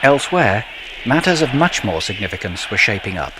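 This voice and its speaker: A male documentary narrator reads a scripted link in a lively, rising-and-falling voice. Clear background noise runs under his words. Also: on the low side, fairly quick, a loud crowd.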